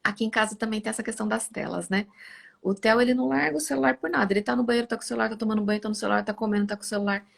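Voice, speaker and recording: A woman's voice: a little high, very fast, vocal fry. A middle-aged woman hosting a live talk, chatting casually and acting out family conversations with animation. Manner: animated, acts out family dialogue. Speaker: live host.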